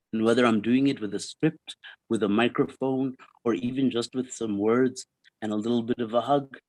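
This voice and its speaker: A South African man in his fifties, a comedian guest in a casual interview, telling his story with quick jokes. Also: on the low side, darkish tone, dry recording, rough recording. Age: 50s. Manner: jokey, quick one-liners.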